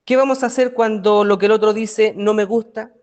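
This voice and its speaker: A man leads a Bible study in a relaxed, conversational tone. His voice sits fairly high for a man, and he keeps turning to his listeners with rhetorical questions. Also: fairly quick. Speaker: pastor.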